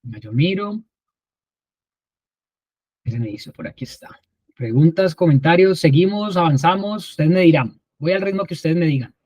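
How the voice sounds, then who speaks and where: A man's voice: a little high, lively intonation, normal speed, long pauses, darkish tone, dry recording. A man teaching a live online class on emotions, talking conversationally and often checking in with his students. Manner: conversational teaching, frequent check-ins with "¿listo?".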